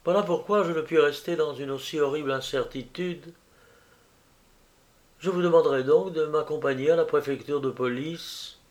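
A man's voice: a little high, moderate pace, pitched above the performer's own voice, lightly acted. A man reading aloud as an anguished, insistent young woman, raising his voice in pleading emotion.

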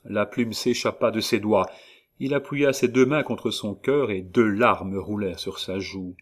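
Male audiobook narrator, lowish voice, measured and unhurried. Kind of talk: scripted narration of a classic novel.

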